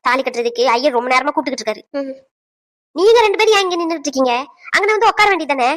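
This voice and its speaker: A woman voicing a bossy, sharp-tongued middle-aged mother-in-law at a wedding in a cartoon. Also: high-pitched, expressive, very fast. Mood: scolding. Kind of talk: cartoon voice acting, several village figures.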